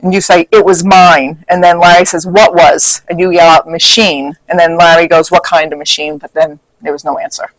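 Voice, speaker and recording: A man's voice: a little high, level tone, normal speed, few pauses, fairly bright tone, no echo, rough recording. A man recapping a paranormal investigation in casual talk, reading back questions and answers from his notes.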